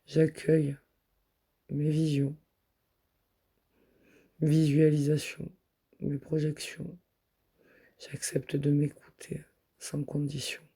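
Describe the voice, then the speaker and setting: Slow, breathy man guiding meditation. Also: fairly high pitch. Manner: slow, soft, repetitive affirmations. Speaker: meditation guide. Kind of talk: guided meditation affirmations.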